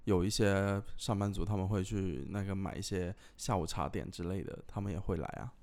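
A man's voice: deep voice, fairly even intonation, fairly quick, darkish tone. A young adult man co-hosting a podcast in casual conversation. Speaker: podcast co-host. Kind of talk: casual chat.

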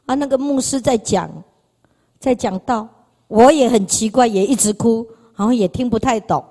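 A woman's voice: fairly high pitch, moderate pace, dark tone. A woman with a Taiwanese Mandarin accent giving an emotional personal testimony in church, repeating phrases and speaking to the audience. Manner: emotional, repetitive storytelling, addresses audience. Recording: reverberant church hall.

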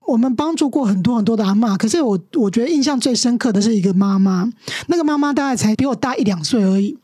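A woman's voice: fairly high pitch, animated, fast, mellow, breathy edge, no room sound, clean studio sound. A middle-aged woman teacher with a Taiwanese Mandarin accent, earnestly telling stories as a podcast guest. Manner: earnest, acts out quoted dialogue. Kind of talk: storytelling interview.

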